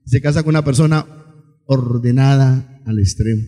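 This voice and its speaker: A man preaching a sermon as a pastor, animated and asking the congregation questions. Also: medium pitch, moderate pace. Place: church hall. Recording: long hall reverb.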